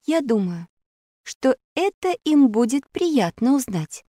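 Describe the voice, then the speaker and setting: A woman voicing a sharp girl, Alisa. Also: sits high, very animated, slow, no room sound, studio quality, voice pushed up, exaggerated voice. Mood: probing. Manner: sharp, questioning. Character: bold quick-witted girl Alisa.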